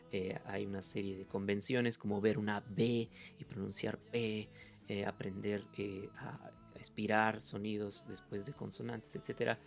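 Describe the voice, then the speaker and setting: A man hosting a video language lesson, his voice carrying a gravelly edge at a middle pitch. He builds each point slowly, says example sounds aloud and fills the gaps with hesitant "eh"s. Soft music plays quietly behind him. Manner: explains step by step, models sounds aloud, many "eh" fillers. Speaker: language teacher and video host.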